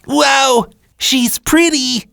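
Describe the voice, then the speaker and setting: A woman's voice: high voice, very slow, gravelly, a bit bright, heavily acted. A woman voicing a cheerful, curious little dwarf who speaks in a friendly way.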